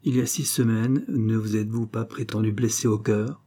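A man's voice: on the low side, steady tone, normal speed, mellow, natural voice. A man reading the part of a poised, ironic young widow in an audiobook. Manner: ironic, lightly teasing.

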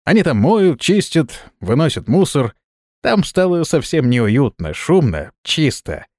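A man's voice: a little high, sing-song, measured pace, a little mellow, no room sound, clean studio sound, pitched above the performer's own voice. A man voicing an old, weary male vampire lord who groans and complains, in a storybook reading. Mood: grumbling.

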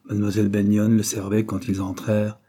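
A man reading the narration of a classic novel aloud in an even, measured way. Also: fairly low pitch, slightly rough. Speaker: audiobook reader.

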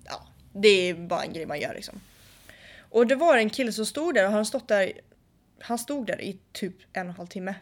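A young woman co-hosting a casual chat, telling a story in a lively way and acting out dialogue. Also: mid-range voice. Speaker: podcast co-host.

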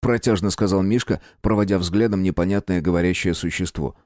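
Deep-voiced man narrating a story. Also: darkish tone, no echo, studio quality. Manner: measured storytelling. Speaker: audiobook narrator. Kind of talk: scripted narration.

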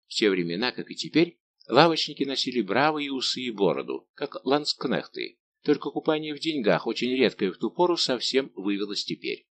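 A man narrating an audiobook in a measured, even way. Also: mid-range voice. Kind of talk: scripted narration.

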